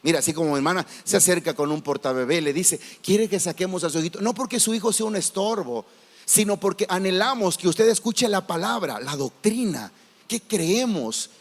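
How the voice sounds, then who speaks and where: A male pastor delivers an animated sermon in a high voice, swinging between soft asides and loud exclamations. His words ring out in a big hall with a long reverb. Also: brisk. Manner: animated preaching, acts out congregation voices.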